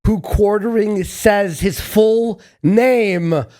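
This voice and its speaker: A man's voice: high-pitched, slow, mellow. A man co-hosting a podcast, chiming in with mocking, profane commentary. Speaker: podcast co-host. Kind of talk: casual commentary.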